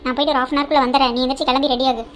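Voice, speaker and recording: A woman voicing a bossy elder sister-in-law in a cartoon drama, brisk and teasing, with a scheming side. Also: high voice, little pitch movement, fairly bright tone, a little hiss or hum.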